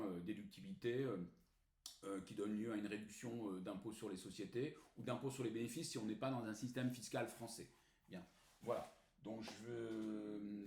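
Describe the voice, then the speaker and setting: A man teaching a finance lesson step by step, methodical and often pausing on fillers as he works through a formula. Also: on the low side, darkish tone. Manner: methodical, frequent hesitant fillers. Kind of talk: recorded whiteboard lesson. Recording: echoey room, faint noise.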